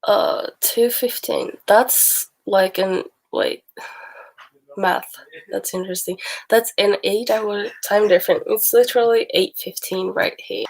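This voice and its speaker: This livestream host is a young Swedish woman, under the weather, casually rambling to viewers and laughing a lot. Her mid-range voice is creaky and fairly even in intonation at a measured pace, her accent mixes Swedish with Texan, Australian and British elements, and the audio is poor.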